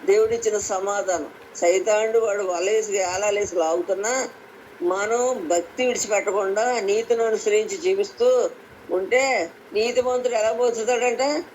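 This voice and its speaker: At a prayer meeting held by conference call, a woman lay preacher from Andhra Pradesh, India, offers an informal devotional sermon, explaining scripture and repeating key phrases for emphasis. Her voice is medium-pitched and a little mellow at normal speed, captured by phone in noisy call audio.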